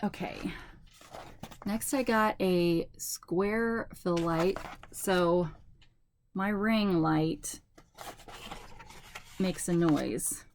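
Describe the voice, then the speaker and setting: A middle-aged woman talks through an unboxing at her table, unhurried and thinking out loud. Her voice sits a little low and moves at a slow, deliberate pace. Faint background noise runs under the recording. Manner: chatty, thinking aloud, slow deliberate reading. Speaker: haul vlogger. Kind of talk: casual unboxing chat. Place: at home, at a table.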